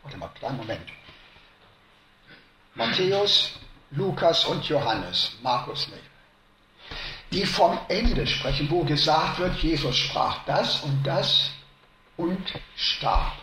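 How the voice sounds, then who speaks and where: A man preaching a sermon to a congregation, slow and emphatic, rising to loud stresses and dropping to hushed lines. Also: on the high side, sing-song, echoey room, slight background noise.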